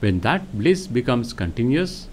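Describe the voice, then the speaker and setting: A man of mid-range pitch delivers a spiritual lecture as a monk. His delivery is slow and serene, with deliberate pauses between phrases. The intonation rises and falls widely as he instructs. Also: very animated, a little hiss or hum. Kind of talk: religious discourse, reading from spiritual teachings.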